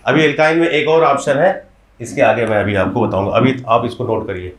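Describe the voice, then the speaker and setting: A male teacher lecturing a class in a medium voice, breaking things down step by step and checking in with students through frequent questions. The sound is roomy, with a clear echo from the classroom walls. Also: mid-range voice, fairly quick, slight background noise. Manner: explains step by step, often quizzing students. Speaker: chemistry teacher.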